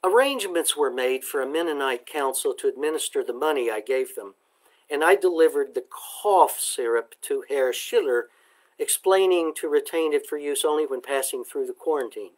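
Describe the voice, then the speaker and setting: A man presenting a book discussion, summarizing and reading passages aloud in a slow, measured way. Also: on the high side, lively intonation. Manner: slow, deliberate, measured delivery.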